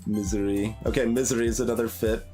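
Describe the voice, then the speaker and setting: Fast but flat, a warm, lowish male voice narrates a live game stream. He thinks aloud hesitantly and trails off partway through ideas as game music plays underneath.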